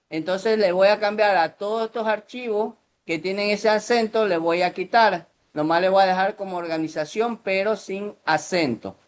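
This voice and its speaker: Male instructor, calm step-by-step explainer for a software tutorial. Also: high-pitched. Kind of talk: screen-recorded software tutorial.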